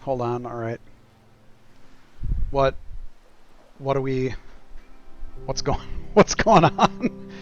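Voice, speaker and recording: A man's voice: medium pitch, animated, drawn-out words, pauses often, muffled recording. A man streaming a game, chatting casually and commenting with wry, sweary, sarcastic asides. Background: music.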